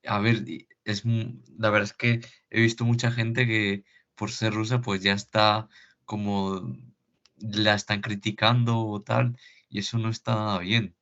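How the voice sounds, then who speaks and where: A man's voice: lowish voice, a bit bright. A man on a debate panel who gives his opinion hesitantly, with fillers and restarts. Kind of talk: debate talk. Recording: dull lo-fi audio.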